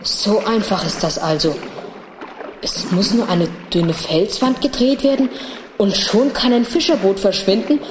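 A woman's voice: medium pitch, a little slow, background noise, lightly acted. An actress playing a methodical young boy who leads his siblings in a children's audio drama, decisive and explanatory. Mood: assured.

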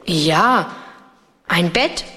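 A woman's voice: fairly low pitch, animated, very slow, pushed and bright, full character voice. An actress playing a methodical young boy who leads his siblings in a children's audio drama, decisive and explanatory. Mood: assured.

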